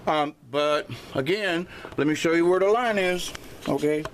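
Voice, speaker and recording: A man explaining casually to a camera at home, hesitant and repetitive, his speech a little slurred from a swollen mouth. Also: fairly high pitch. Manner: hesitant, halting, often repeating himself. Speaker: amateur video blogger. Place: indoors at home by a window. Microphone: handheld camera microphone. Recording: noisy handheld camera recording.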